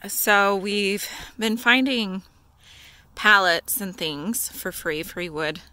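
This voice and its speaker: A woman's voice: mid-range voice, takes it slowly, bright, forceful tone, no room sound. A woman giving casual, easygoing vlog narration outdoors on a farm. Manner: easygoing, with fillers. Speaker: vlogger.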